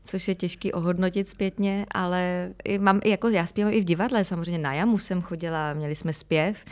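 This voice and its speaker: Žena s lehce nižším hlasem, upovídaná. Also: female voice, lowish voice, steady tone, darkish tone. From Czech Republic. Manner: chatty, hesitant fillers, laughs often. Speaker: actress, podcast guest. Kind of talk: casual interview chat. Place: Prague music club.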